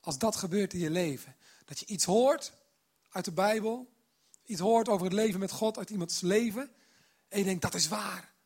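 A man's voice: high-pitched, normal speed, long pauses, husky. A man preaching a sermon to a congregation, telling stories and speaking to them directly. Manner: warm direct address to the congregation, storytelling.

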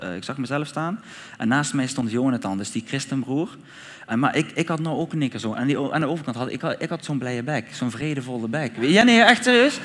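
A man telling a personal testimony in a casual, animated way, acting out his own thoughts and dialogue with loose slang and frequent restarts. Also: mid-range voice, big-room sound. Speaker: guest telling his life story.

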